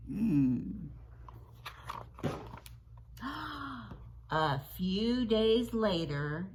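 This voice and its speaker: A woman teacher reading a children's story aloud in an animated, sing-song storytelling manner. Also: medium pitch, rough recording.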